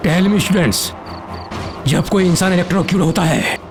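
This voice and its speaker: An eerie night-college lecturer who questions his students in a high, commanding voice. Loud music plays behind him in a television horror drama. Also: moderate pace, creaky.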